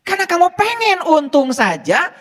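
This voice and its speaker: A male preacher gives a casual sermon, pressing his listeners with rhetorical questions. His high voice swings widely in pitch. A long hall reverb trails behind every phrase. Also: normal speed. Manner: rhetorical questions, lively teaching.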